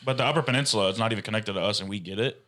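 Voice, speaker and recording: A young man from Michigan co-hosting a casual podcast chat, joking in a deadpan way and swearing casually. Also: fairly low pitch, very fast. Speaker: podcast co-host.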